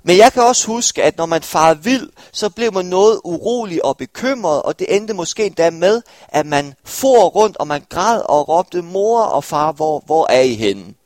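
Earnest male preacher, bright dry voice. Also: high voice, animated, hardly any pauses, no echo. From Denmark. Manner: earnest, addresses listeners with questions. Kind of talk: sermon. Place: church hall with congregation.

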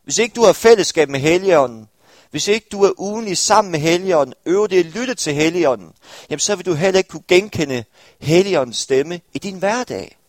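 Lively intonation marks this young Danish man's high-pitched voice as he preaches a sermon in a church hall. He addresses the congregation earnestly, often with questions, and the recording has no room sound.

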